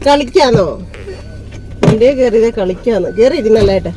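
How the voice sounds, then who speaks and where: A woman's voice: on the high side, expressive, normal speed, noisy background. A woman hosting a casual family vlog, chatting to the camera and coaxing a small child in baby talk while out shopping. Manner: chatty, folksy commentary to the camera. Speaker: vlogger host.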